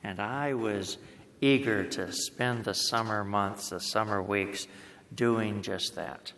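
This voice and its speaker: A man preaching a sermon, telling a story in a plain-spoken way and slowing down to stress words. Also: fairly low pitch, fairly bright tone. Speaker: pastor. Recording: echoey hall.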